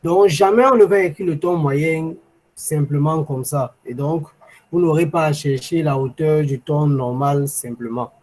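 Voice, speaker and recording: Man, teacher, patient, repeats examples slowly, fairly high voice, video call. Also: a little mellow, poor audio. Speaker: language teacher. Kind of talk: online class explanation.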